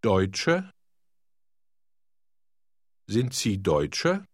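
A low-voiced man models phrases for learners at a very slow pace, with deliberate enunciation. His pitch still moves freely. The recording is dry. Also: huge pitch swings, no echo. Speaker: native-speaker model voice. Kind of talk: slow model pronunciation for repetition.

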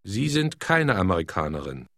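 A man modeling phrases for learners with slow, deliberate enunciation. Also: deep voice, sing-song, fairly bright tone, dry recording, clean studio sound. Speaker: native-speaker model voice. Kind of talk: slow model pronunciation for repetition.

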